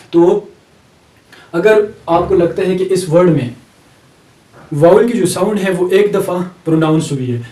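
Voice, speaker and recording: A male English teacher with a Pakistani accent giving a recorded lecture, explaining step by step and repeating example words slowly. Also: on the high side, mellow. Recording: echoey room, mic at a distance.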